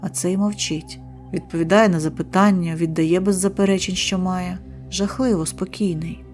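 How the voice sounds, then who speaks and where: A woman's voice: fairly low pitch, fairly even intonation, moderate pace, a little mellow, faint music behind. Woman narrating a horror story tersely.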